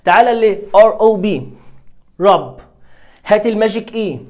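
A man with an Egyptian Arabic accent teaching children English phonics, energetic and coaxing, repeating each sound and word over and over. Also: sits high, moderate pace.

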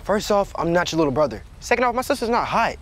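A man's voice: sits high, fast talker. A young man playing an annoyed, sarcastic brother in a comedy skit. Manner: sarcastic, lively.

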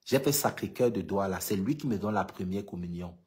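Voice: sits low, expressive, brisk, darkish tone. An LGBT activist from Cameroon with a Cameroonian French accent, talking casually to followers in an emphatic way and repeating points for stress. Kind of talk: casual vlog monologue to followers.

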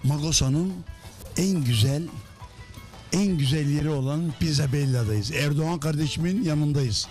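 A man's voice: on the high side, moderate pace, darkish tone, soft background music. A man hosting a promotional show, presenting enthusiastically and chattily, with emphatic repeated phrases. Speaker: host of a restaurant promotion show. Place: inside a restaurant.

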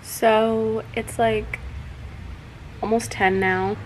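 A woman's voice: fairly high pitch, level tone, extremely slow, slight background noise, low-quality recording. A young woman vlogging in a casual, chatty way, with lots of filler words. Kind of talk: casual vlog narration.

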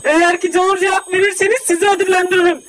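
A woman's voice: extremely high pitch, flat delivery, very fast, fairly bright tone, a little hiss or hum. A woman voicing a footless floating witch who sweet-talks children and hides a threat. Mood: coaxing.

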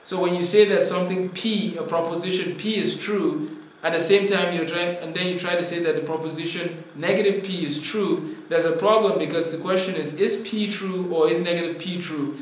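A man's voice: sits high, steady tone, normal speed, a little hiss or hum. A young man from Nigeria gives an earnest talking-to-camera lesson, explaining with his hands. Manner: earnest, explains with hand gestures. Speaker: apologetics teacher. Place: indoor room with wood-panel wall. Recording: very echoey room.

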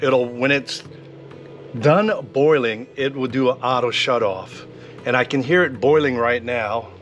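A man vlogging a casual product demonstration, talking in a relaxed, rambling way with frequent fillers. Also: medium pitch, background noise. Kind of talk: casual product demo vlog.

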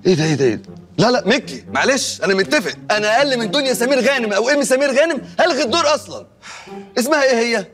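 A man with an Egyptian Arabic accent bantering as an actor on set, loud and exasperated in a comic sketch. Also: very high-pitched, lively intonation, soft background music. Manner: loud, exasperated, rapid complaining.

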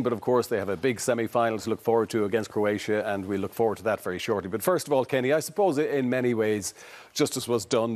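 Brisk low-voiced male sports presenter. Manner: steers the talk, hands over with questions. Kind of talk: hosting studio analysis. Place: large TV studio set. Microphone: lapel.

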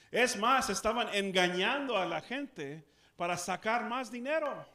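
A man's voice: sits high, sharp tone. A male pastor with a South Texas Spanish accent, preaching a sermon that switches between Spanish and English and leading the congregation in call-and-response. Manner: repeats each point in both languages, leads call-and-response. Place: church.

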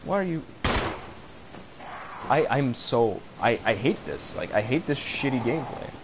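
A man's voice: mid-range voice, animated, a little slow. Frustrated swearing young man gaming. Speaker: gamer. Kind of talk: let's play commentary. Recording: audible background noise.

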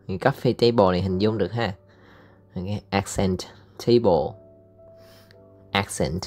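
A man with a Southern Vietnamese accent giving a casual English lesson over slides. He pauses often with fillers and draws out English words slowly so listeners can repeat them. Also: low-pitched. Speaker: English teacher.

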